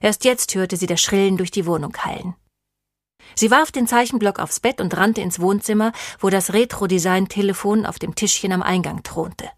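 Calm woman reading an audiobook. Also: mid-range voice, normal speed, no room sound, studio quality. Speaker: audiobook narrator. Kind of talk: scripted narration.

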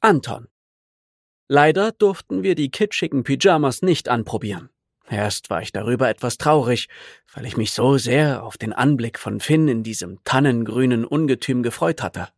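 Calm man narrating an audiobook. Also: medium pitch, normal speed, gravelly, dry recording, clean studio sound. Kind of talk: scripted first-person narration.

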